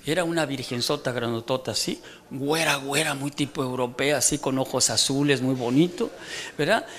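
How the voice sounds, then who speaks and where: Telling a comic testimony in church, a preacher in his sixties with a Mexican Spanish accent ribs the congregation like a joking storyteller. His medium-pitched voice is a bit bright and fairly quick.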